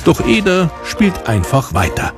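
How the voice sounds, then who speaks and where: A man's voice: high-pitched, huge pitch swings, unhurried. A man narrating a scripted children's story as the narrator. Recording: music behind the voice.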